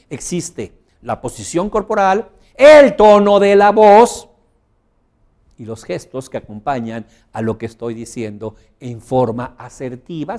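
A man's voice: medium pitch, a little mellow. Man lecturing, sweeping his voice up and down. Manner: strongly modulated, rising and dropping volume for emphasis; frequent fillers, slow deliberate phrasing. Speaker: public speaking instructor. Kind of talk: teleseminar lecture.

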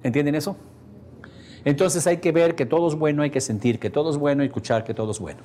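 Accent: Mexican. Role: motivational course speaker. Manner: animated storytelling, frequent audience questions. Pitch: fairly high for a man. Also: fast, slight background noise. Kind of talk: motivational seminar talk.

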